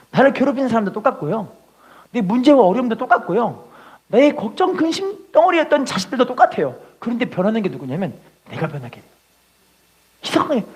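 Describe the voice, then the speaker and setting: A woman pastor preaching a Sunday sermon in Korean, telling stories with lively acting and having the congregation repeat scripture. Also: fairly high pitch, breathy edge. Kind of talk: sermon with storytelling.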